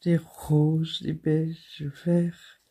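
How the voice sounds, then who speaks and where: A woman hosts a crafting channel and shows her craft supplies in a slow, unhurried way. Her voice is very husky, with a gravelly edge. She talks in a chatty, halting style full of fillers and is quick to poke fun at herself. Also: sits low, completely flat delivery, mellow. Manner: giggly, self-mocking. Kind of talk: casual show-and-tell of craft supplies.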